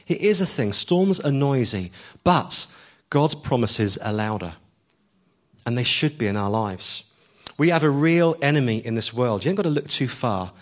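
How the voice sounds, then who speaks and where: Earnest man preaching a sermon. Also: medium pitch. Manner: earnest and emphatic, rising to stress key lines, with frequent ums.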